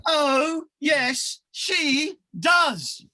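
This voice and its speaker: A woman playing a vain, bossy, sneering pantomime stepsister, with a haughty, theatrical, raspy delivery. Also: fairly high pitch, very animated, slow, a loud crowd. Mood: taunting, bossy. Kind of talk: broad pantomime acting.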